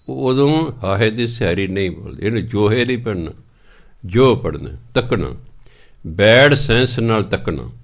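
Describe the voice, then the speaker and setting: A man with a Punjabi accent preaching on scripture, reciting verses slowly and then explaining them, often repeating phrases. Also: mid-range voice. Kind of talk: scripture exposition sermon.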